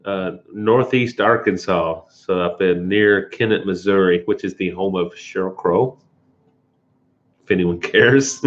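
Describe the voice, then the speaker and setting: A man's voice: on the low side, highs cut off. A middle-aged man from Kentucky with a Kentucky accent, hosting a casual live stream and rambling easily through viewer comments. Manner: rambling, chuckling, answers chat comments.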